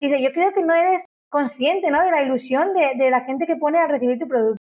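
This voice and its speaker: Her voice is high yet darkish in tone, and she talks a little fast. As the owner of the business she's discussing in this interview, she sounds eager and tends to repeat words.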